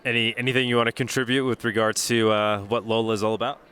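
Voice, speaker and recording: A man's voice: mid-range voice, flat delivery, fast, pushed and bright, smooth. A man hosting an interview, asking questions with stumbling restarts and repeated words. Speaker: podcast host, interviewer. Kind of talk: casual interview. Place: busy convention venue.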